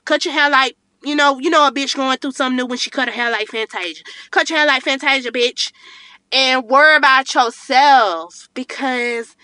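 A woman's voice: a little high, sharp tone, no room sound. A young woman, podcasting in a car at night, giving blunt, profane advice to her listeners. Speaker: podcast host. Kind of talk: casual rant to listeners.

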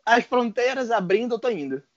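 A man with a Brazilian Portuguese accent, an interview guest telling a personal story in a casual, animated way with frequent laughs and slang. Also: very high-pitched, a little fast, crowd noise. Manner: animated, laughs often, mixes in colloquial slang. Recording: dull lo-fi sound.

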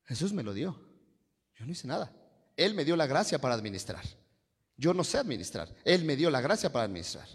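Man, sermon, call-and-response questions, high pitch, reverberant hall. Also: big pitch swings, a little fast, husky. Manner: call-and-response, quizzing the congregation. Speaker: preacher.

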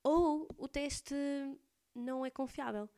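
A woman's voice: high voice, takes it slowly, mellow. A teenage girl with a European Portuguese accent, chatting casually to camera in a rambling way, slightly congested with phlegm. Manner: rambling, chatty, full of fillers. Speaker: student vlogger.

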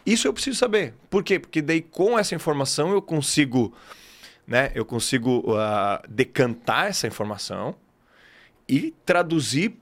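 A man's voice: a little high, very animated, normal speed. A man, an English teacher, talking as a guest in a casual podcast conversation, explaining emphatically with lots of slang.

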